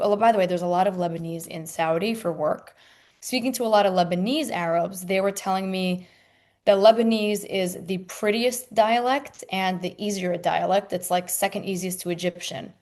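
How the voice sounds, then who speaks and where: A young woman talks as an interview guest in a medium-pitched voice. Her delivery is informal and candid, like casual conversation. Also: a little mellow. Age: young adult. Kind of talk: casual chat.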